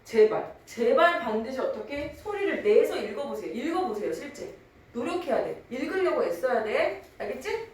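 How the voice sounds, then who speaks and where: Lively teacher woman in an echoey room. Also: high voice, normal speed, far from the mic. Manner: chatty, mixes casual and polite speech, teasing students. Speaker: Korean literature teacher. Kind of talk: online lecture.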